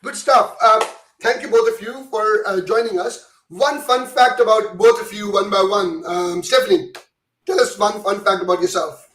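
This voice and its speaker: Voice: mid-range voice, normal speed, fairly bright tone, echoey room, far from the mic, slight background noise, rough recording. A host who asks the guests brief, prompting questions in an interview.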